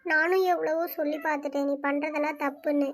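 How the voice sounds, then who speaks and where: A worried young woman in a cartoon story, voiced by a woman, sharing a secret and begging that it be kept. She talks earnestly in a very high voice. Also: little pitch movement, fast. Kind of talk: cartoon voice acting.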